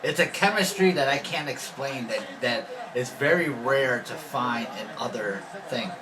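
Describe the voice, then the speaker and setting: A man's voice: mid-range voice, unhurried, crowd noise, poor audio. A man co-hosting a casual wrestling reaction chat, laughing often and restarting his sentences. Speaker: co-host of a wrestling reaction show.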